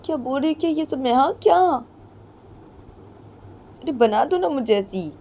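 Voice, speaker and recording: A woman voicing a hurt, bitter young woman who pleads and taunts with shrill, insistent questions. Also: brisk, darkish tone, close to an everyday voice. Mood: bitter taunting.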